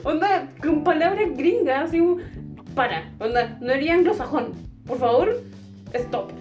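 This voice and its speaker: A woman's voice: high voice, lively intonation, a little slow, a little mellow, reverberant, muffled recording, soft background music. A young woman with a Chilean accent, ranting with strong opinions in a casual chat among friends, often laughing.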